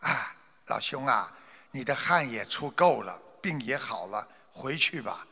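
A man voicing a patient, kindly middle-aged male herbal doctor who speaks gently, in a storytelling reading. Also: fairly high pitch, sing-song, brisk, creaky, husky, in a large hall, exaggerated voice. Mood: gentle.

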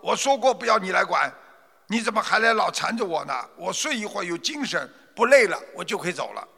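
A man voicing a stubborn, impatient male merchant who scolds loudly, in a storytelling reading. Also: high-pitched, sing-song, vocal fry, husky, long reverb tail, exaggerated voice. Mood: irritated. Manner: loud, scolding, quick-tempered.

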